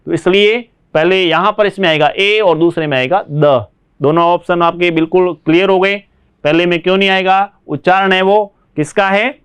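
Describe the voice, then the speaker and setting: Higher-pitched Indian man teaching English. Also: a bit bright, smooth. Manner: explains slowly, checks understanding with frequent rhetorical questions. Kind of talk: classroom lesson.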